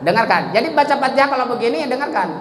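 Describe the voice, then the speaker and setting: A man's voice: very high-pitched, lively intonation, very fast, crowd noise. A man teaching Quran recitation rules, chanting verses and then correcting them. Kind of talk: tajwid lesson at a mosque study circle. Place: mosque hall. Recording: echoey hall with long reverb.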